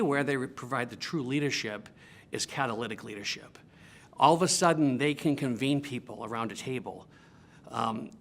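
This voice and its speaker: A man's voice: mid-range voice, a bit bright. A man speaking off the cuff in an interview testimonial, earnest and emphatic about his points. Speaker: community foundation board vice chair.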